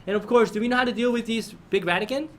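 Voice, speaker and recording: A man's voice: very high voice, racing, a bit bright. A man teaching a math lesson to his class, often prompting students with questions and checking that they follow.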